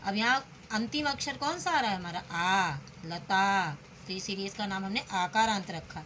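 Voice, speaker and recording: A woman teaching young students a grammar lesson. She breaks each word into its sounds slowly and asks the children questions as she goes. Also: medium pitch, a bit bright, a little hiss or hum. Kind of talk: slow, patient classroom explanation.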